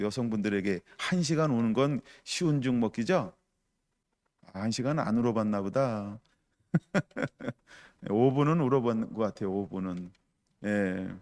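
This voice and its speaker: A man's voice: medium pitch, lively intonation, moderate pace, a little mellow. A male pastor giving a conversational sermon, asking the congregation questions and acting out the voices of people in the story. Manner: conversational preaching, acts out voices of the crowd, asks the congregation questions.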